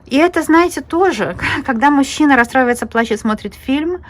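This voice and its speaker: A woman with a high-pitched voice and lively intonation reads tarot cards at a moderate pace. Her monologue is casual, chatty and rambling, full of fillers and restarts, and she talks straight to viewers, calling them friends and girls.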